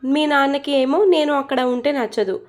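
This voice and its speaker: A woman voicing a gentle young mother in a storybook reading, soft and sorrowful. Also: high voice, a little fast, lightly acted. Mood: tender sad.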